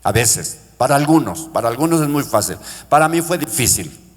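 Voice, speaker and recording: A middle-aged male pastor preaching a sermon with passion, calling out to his congregation and lifting his voice high when he quotes cries for mercy. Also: big pitch swings, brisk. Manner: impassioned preaching, pitch rising into shouted quotes; addresses congregation as brothers. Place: church sanctuary. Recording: long church-hall reverb.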